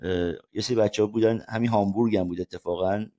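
A man's voice: lowish voice, fairly even intonation, warm tone. A man from Iran, a sports journalist guest, chatting casually on a podcast and often laughing as he tells stories.

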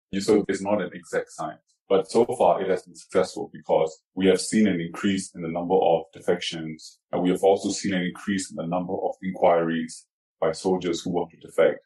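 Man with a disguised, deep altered voice. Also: darkish tone, poor audio. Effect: voice altered to disguise identity, pitched down. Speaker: activist interviewee. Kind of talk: remote interview answers.

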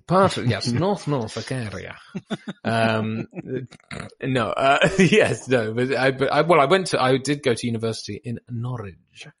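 A man's voice: medium pitch, expressive, a little slow, husky, no room sound. A man in his thirties from the Bahamas, a podcast guest chatting casually and rambling with many restarts and self-mocking asides. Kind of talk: casual chat.

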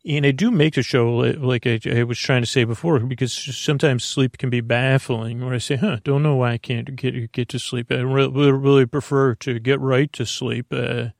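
A man with a gravelly, creaky, mid-pitched voice, recorded close and dry with fairly even intonation, rambles through an unscripted bedtime sleep podcast intro. He meanders, halts and restarts, often trailing off into mildly whimsical, low-key silly tangents.

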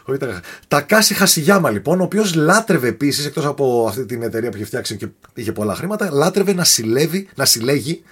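A man telling a story in a casual podcast chat, animated and often tripping over foreign names. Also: mid-range voice, breathy edge.

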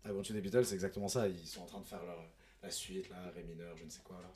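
A man's voice: low voice, steady tone, crowd noise. A young man chatting casually about music, enthusiastic and a little hesitant, sometimes steering the conversation. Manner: enthusiastic, hesitant, quick to agree. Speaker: music show co-host.

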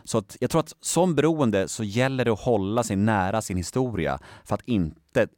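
A young man, speaking as a guest in a casual conversation, telling stories lively and acting out quoted voices, with casual swearing. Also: fairly low pitch, dry recording, clean studio sound. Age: young adult.

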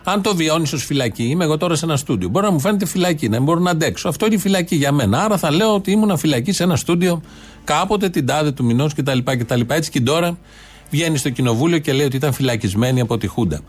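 A man's voice: a little high, animated, slightly rough. A man hosting a sarcastic political commentary show from a studio, with a mocking, ironic delivery. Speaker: host.

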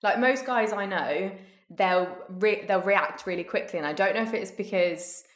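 A woman's voice: mid-range voice, moderate pace. A woman talking casually as a panel guest, giving her opinion in conversation. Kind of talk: casual chat. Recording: echoey room.

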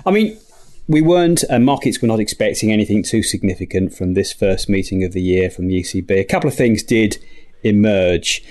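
A man giving unscripted expert market commentary as an interviewed strategist, often halting and restarting his phrases. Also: lowish voice, expressive, a little mellow.

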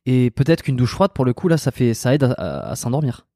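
A man's voice: medium pitch, sing-song, brisk, mellow, dry recording, clean studio sound. A man hosting an interview, thinking aloud hesitantly and correcting himself as he asks questions. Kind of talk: conversational interview.

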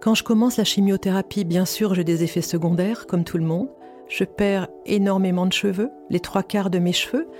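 A woman in her fifties gives an earnest, candid testimony about her experience as a cancer patient. Her medium-pitched voice is steady and a little mellow, at a moderate pace, with faint music behind her.

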